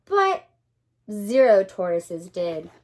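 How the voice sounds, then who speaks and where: With a medium-pitched voice, a woman teacher reads a picture book to children in an expressive, dramatic style, pausing and offering asides to her young audience.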